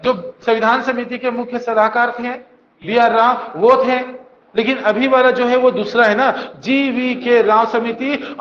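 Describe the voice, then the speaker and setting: A man's voice: extremely high pitch, slight background noise. A man teaching a coaching class, drilling students with mnemonics in call-and-response. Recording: dull echoey classroom recording.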